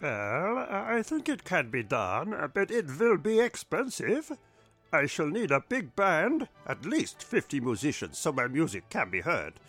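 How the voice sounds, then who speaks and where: A man voicing a measured, self-important male composer of the baroque era in an audio drama. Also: a little high, very animated, a bit bright, slightly rough, faint music behind, pitched below the performer's own voice, full character voice. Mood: considered. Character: pompous male baroque composer, grand and demanding.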